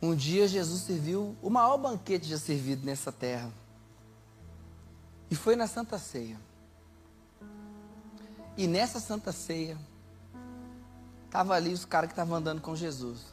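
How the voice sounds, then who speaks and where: A Brazilian man preaching a lively sermon, telling stories and shouting out praises. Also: on the high side, measured pace, long pauses, soft background music. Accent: Brazilian Portuguese. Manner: animated storytelling, shouting praises.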